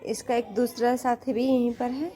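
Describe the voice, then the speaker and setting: Feeding her birds and pets outdoors, a woman vlogs casually, talking to the animals in a fond, coaxing way. Her fairly high voice is mellow, with a flat delivery at normal speed, and the outdoor ambience is noisy.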